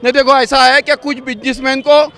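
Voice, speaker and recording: A man's voice: very high-pitched, level tone, a little fast, creaky, sharp tone. A man being interviewed on a city street, arguing his political case and firing off rhetorical questions. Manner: argumentative, piles up rhetorical questions. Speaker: local voter interviewed on the street.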